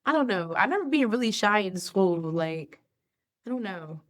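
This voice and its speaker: A woman's voice: medium pitch, normal speed. A young woman guesting on a podcast, chatting casually about school memories, laughing often and trailing off with "I don't know.". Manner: relaxed, laughs often, uses many fillers like "I don't know". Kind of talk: casual chat.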